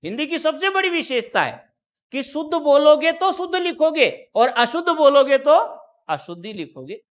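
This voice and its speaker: Teaching Hindi grammar to a class, this man speaks at a moderate pace in a very high-pitched, sing-song voice. He walks through the material step by step, keeps firing repeated questions at students, and draws out syllables on example words.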